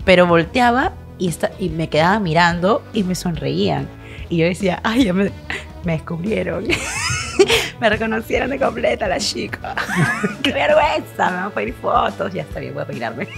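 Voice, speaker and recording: Woman cohosting a comedy podcast, gravelly voice that jumps all over, teasing comebacks and lots of laughing, faint music behind. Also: lowish voice, big pitch swings, normal speed. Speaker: podcast co-host. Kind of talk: casual comedy chat.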